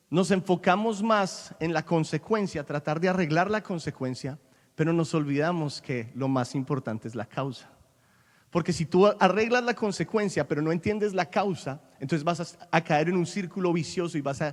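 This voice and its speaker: A male pastor preaches an animated sermon in a somewhat high voice, switching between Spanish and English and climbing to loud, emphatic peaks. The long reverb of a large church hall rings around his words.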